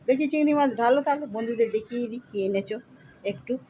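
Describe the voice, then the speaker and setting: A woman's voice: on the high side, fast talker, dark tone, slight background noise. A middle-aged woman, chatting through a casual home vlog from her kitchen and talking to her viewers as friends. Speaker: vlogger. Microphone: phone camera.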